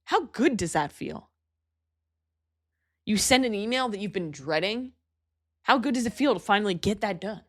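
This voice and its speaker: A young adult woman hosting a solo motivational podcast, talking emphatically and bluntly with casual swearing. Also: medium pitch. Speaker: podcast host and fitness coach.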